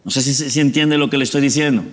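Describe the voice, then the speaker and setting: A man's voice: mid-range voice, steady tone, fast talker, in a large hall. A male pastor preaching a sermon conversationally, often asking the congregation questions.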